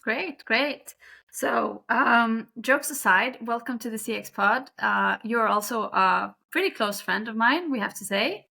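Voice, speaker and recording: A woman's voice: on the high side, vocal fry, bright, forceful tone, slightly rough. A Norwegian woman with a Norwegian accent hosting a podcast in a chatty, joking way. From Norway. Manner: chatty and friendly, quick to joke. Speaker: podcast host. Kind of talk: casual podcast chat.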